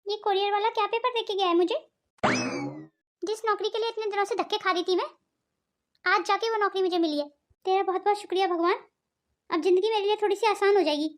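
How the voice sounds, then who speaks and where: A woman doing the voices of several family members in an animated family drama, talking quickly and with feeling. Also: very high-pitched. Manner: quick, emotional dialogue. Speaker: voice actor for several family characters.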